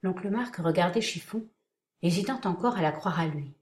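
A woman narrating a novel aloud in a steady, measured way. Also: fairly low pitch. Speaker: audiobook narrator. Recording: roomy echoing room.

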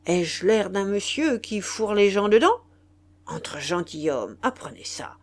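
A woman reading aloud and voicing a boastful, smooth-talking aristocratic marquis with emphatic bluster. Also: sits high, big pitch swings, unhurried, full character voice. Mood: indignant.

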